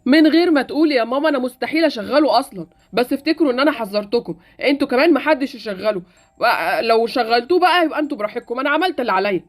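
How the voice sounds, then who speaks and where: A woman plays a headstrong boy in a Roblox story drama, with an Egyptian accent. He rattles his lines off very fast and keeps pressing his point. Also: high voice, animated, soft background music. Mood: pleading. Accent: Egyptian Arabic. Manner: fast, insistent pleading. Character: stubborn boy hero, warning everyone.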